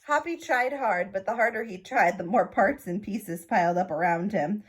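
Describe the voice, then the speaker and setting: A woman's voice: medium pitch, moderate pace, slightly rough. A woman narrating a children's storybook, with casual asides that explain things to young listeners. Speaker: picture book read-aloud reader.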